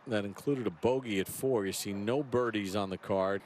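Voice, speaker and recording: A man's voice: fairly low pitch, moderate pace, a little mellow. A man calling golf play-by-play as the lead commentator. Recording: clear outdoor ambient noise behind.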